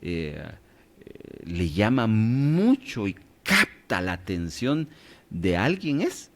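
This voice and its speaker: A man with a low voice leads a radio Bible class, his pitch swinging up and down as he quizzes his listeners. he keeps stopping to check that they are following before moving on. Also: huge pitch swings, slow pace, background noise. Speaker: Bible study teacher.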